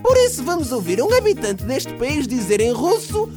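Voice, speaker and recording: A performer voicing an excitable cartoon mascot who guides small children on trips, with a bright, squeaky, sing-song welcome and a European Portuguese accent. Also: normal speed. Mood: cheerful, welcoming. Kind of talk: children's radio travel segment. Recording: music behind the voice.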